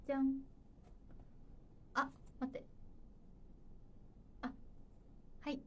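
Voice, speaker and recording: A woman's voice: sits high, completely flat delivery, extremely slow, a bit bright, slight background noise. Giggly young woman hosting a livestream. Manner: nervous, giggly and chatty. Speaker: idol livestream host. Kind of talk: casual livestream chat, reading viewer comments.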